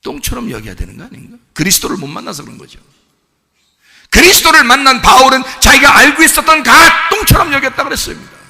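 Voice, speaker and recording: A man preaching a sermon as pastor, firing rhetorical questions at the congregation and swinging from hushed asides to shouted exhortation. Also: very high voice, very animated, fast talker, vocal fry, husky, long reverb tail. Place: church sanctuary.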